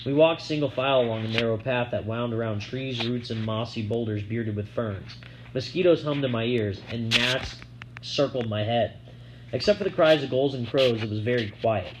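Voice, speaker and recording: A man narrating a first-person novel chapter aloud in a steady, plain storytelling manner. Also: medium pitch, normal speed, background noise. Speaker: audiobook narrator.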